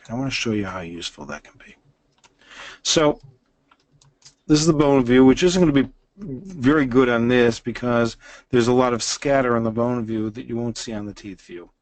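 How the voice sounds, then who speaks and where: A man's voice: medium pitch, normal speed, darkish tone, no echo. A man in his sixties giving a lecture that walks listeners through a dental case. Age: 60s. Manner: explanatory, walks through images step by step.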